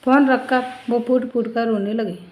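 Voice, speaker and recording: A woman narrates a family story in a steady, even storytelling voice. Her pitch sits somewhat high for a woman. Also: normal speed.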